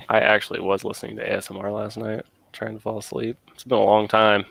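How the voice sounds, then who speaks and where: A man with a heavily gravelly, fry-filled voice chats offhandedly while playing a game. He sits fairly low in pitch and sounds relaxed. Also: a little fast, dry recording. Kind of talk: casual chat while gaming.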